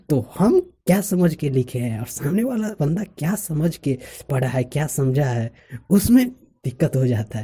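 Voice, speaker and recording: Husky-voiced man chatting to camera. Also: fairly high pitch, dark tone. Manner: chatty, laughs now and then, stresses example phrases. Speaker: vlogger. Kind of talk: casual explanatory monologue.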